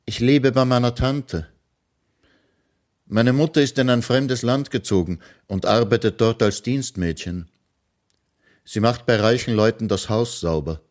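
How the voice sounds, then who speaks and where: A man's voice: medium pitch, pitched above the performer's own voice, lightly acted. A man doing a serious little girl. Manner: earnest, matter-of-fact. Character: serious young girl, quietly burdened.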